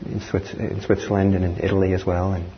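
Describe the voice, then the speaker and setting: A Norwegian meditation teacher delivers a dharma talk in a reflective, measured manner, his fairly low voice showing little pitch movement. The lo-fi recording sounds dull, with a faint hiss underneath.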